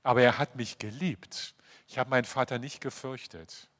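A male preacher delivering a sermon, acting out quoted voices and swinging between emphatic passages and quiet, confiding asides. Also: medium pitch, normal speed. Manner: animated, acts out quoted voices. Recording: long hall reverb.

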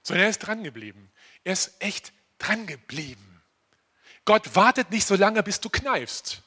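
An animated older man preaching to a church congregation, his voice high and bright as he swings from loud, emphatic declarations down to quiet asides. He keeps turning to his listeners with direct questions and slows right down on the phrases he wants to land. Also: slightly rough. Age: around 60. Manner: animated, addresses listeners directly with frequent "verstehst du?". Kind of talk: lively sermon.

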